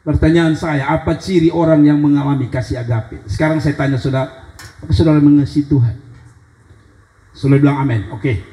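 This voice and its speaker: A male pastor with a Kupang accent, preaching an animated sermon and acting out scripture scenes. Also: fairly high pitch, fairly quick, echoey room, rough recording. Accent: Kupang Indonesian. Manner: animated preaching that dramatizes scripture in acted-out voices. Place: church sanctuary.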